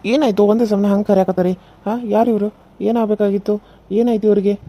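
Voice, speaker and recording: A performer voicing a reassuring small-town male doctor with a North Karnataka Kannada accent, who speaks in a calm, matter-of-fact way. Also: medium pitch, fast, lightly acted. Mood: concerned.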